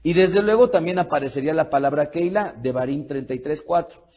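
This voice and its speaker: A man's voice: fairly high pitch, a little mellow. Man teaching a Bible study. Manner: addresses listeners as beloved, leads repetition of words, frequent restarts; pauses to spell and pronounce Hebrew words carefully.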